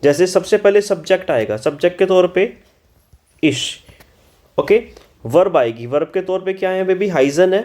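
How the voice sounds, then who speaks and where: A man with a high, expressive, darkish-toned voice teaches German in Hindi, working through an exam paper and scolding students over common mistakes. In this exam-solution lesson, he spells out German words slowly.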